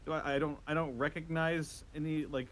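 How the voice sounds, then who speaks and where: A man's voice: a little high, fairly even intonation, a little fast. A man chatting casually as a tabletop role-player, wry and sometimes hesitant. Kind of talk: casual game chat. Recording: background noise, room ambience.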